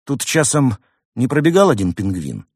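A man's voice: mid-range voice, wildly swooping pitch, normal speed, a little mellow, breathy edge, dry recording, studio quality, voice pushed up, heavily acted. A man voicing a brash, joking male cat in a storybook reading, talking in cheeky slang.

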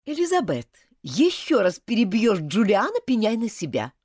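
A stern mademoiselle who scolds a pupil in loud, cutting bursts and sometimes slows down to press her point, as a woman reading a storybook puts her on. Her pitch swings widely through each outburst. The recording is dry and close. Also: huge pitch swings, dry recording. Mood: scolding. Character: strict, quick-tempered female French schoolteacher. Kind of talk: audiobook character voice.

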